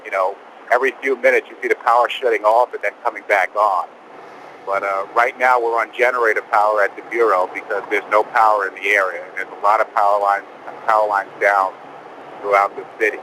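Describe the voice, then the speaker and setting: Low-voiced man reporting over clear background noise. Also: fairly even intonation, a little fast. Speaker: TV news photographer reporting by phone. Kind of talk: live eyewitness storm report.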